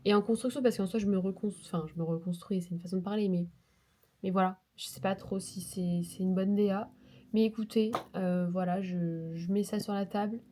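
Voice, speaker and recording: A woman with a cold vlogs in a brisk, casual way, her mid-range voice mellow, steady, and nasal as she rambles and teases herself. The lapel mic running into her phone picks up slight background noise.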